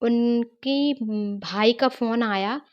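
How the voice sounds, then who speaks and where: A woman's voice: a little high, extremely slow, muffled recording. Earnest woman telling a personal story. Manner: earnest, quotes others' words in her retelling. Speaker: guest sharing a personal testimony.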